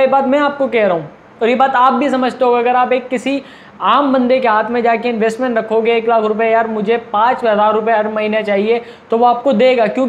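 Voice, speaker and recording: A man's voice: very high-pitched, dull audio. A man with a Pakistani Urdu accent arguing a point in a casual video monologue, asking questions and answering them himself. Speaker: video commentator. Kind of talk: argumentative monologue.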